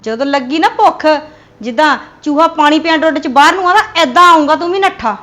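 A woman in a Punjabi family comedy sketch, talking in a sharp-tongued, scolding way. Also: high voice, brisk, echoey room.

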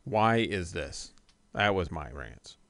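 Low-voiced man, rambling podcast host. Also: animated, takes it slowly, vocal fry, a bit bright, dry recording. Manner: rambling, trails off often. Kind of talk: casual chat.

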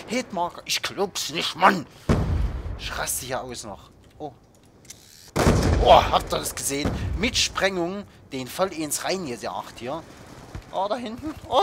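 A young man with a fairly high voice hosts his own gaming channel, giving excited play-by-play of a Call of Duty match. He yelps and groans at every hit and shouts in bursts, all over loud game noise in the background.

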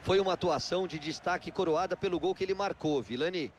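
Brazilian color commentator, raised pitch. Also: male voice, a little hiss or hum. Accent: Brazilian Portuguese. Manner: measured analytical remarks. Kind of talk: video game football commentary.

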